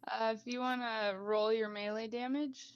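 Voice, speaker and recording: A woman narrating a tabletop game as game master, relaxed and hesitant. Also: on the high side, normal speed, a little hiss or hum. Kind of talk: running a tabletop game over a call. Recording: dull dry home mic.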